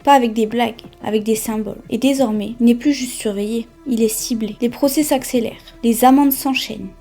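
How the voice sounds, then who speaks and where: A woman narrates a documentary in short, dramatic, punchy phrases. Her voice is mellow and dark yet sits slightly high. Faint music runs beneath her. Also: steady tone, fairly quick. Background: soft background music.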